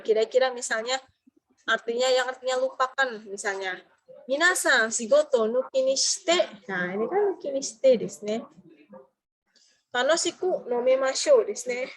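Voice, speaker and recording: High-voiced woman teaching a grammar class. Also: poor audio. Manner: asks students questions, mixes in Japanese example sentences.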